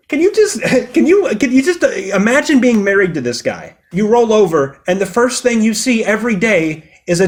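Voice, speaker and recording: A man delivering a sarcastic, mocking film critique as a video essayist. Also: sits high.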